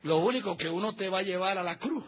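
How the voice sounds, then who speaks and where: A man preaching a sermon as pastor at a church service. He is emphatic, swinging between soft asides and loud exhortations. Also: sits high, fast talker, husky, highs cut off.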